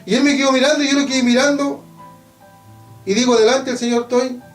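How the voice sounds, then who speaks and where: A very high-pitched man with a Chilean Spanish accent preaches, stretching out his phrases and returning again and again to the same refrain. He is heard from some distance in an echoey church hall. A faint guitar plays underneath. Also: fairly even intonation. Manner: preaching with drawn-out, emphatic phrases and repeated refrains. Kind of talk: evangelical sermon testimony. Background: faint guitar playing.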